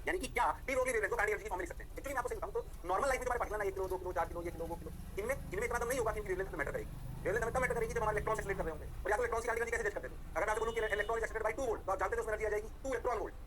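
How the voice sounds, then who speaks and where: A man's voice: sits high, background noise. A man teaching a physics lecture, playful and keeps checking that students have understood. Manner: rapid, playful, keeps asking if it is clear. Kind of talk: classroom lecture.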